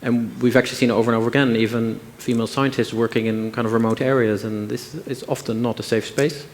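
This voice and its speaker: A man's voice: medium pitch, little pitch movement, fast talker, a little hiss or hum. A male panelist answering a question fluently and earnestly, citing figures. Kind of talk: panel discussion. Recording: reverberant conference hall.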